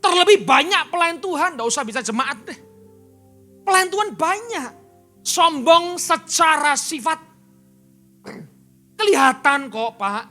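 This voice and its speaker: A male pastor preaching in a church, his pitch leaping about in a very animated way and his tone sharp and bright. He jumps from near-shouting to hushed asides and keeps putting rhetorical questions to the congregation. Soft music plays faintly behind him. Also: measured pace, long pauses. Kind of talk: sermon.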